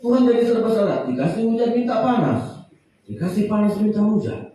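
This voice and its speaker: High-pitched guy preaching, dark mellow tone, big echoey church from far off. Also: a little fast. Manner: animated preaching, acting out panicked cries. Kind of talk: sermon. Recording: echoey church hall from far off, faint noise.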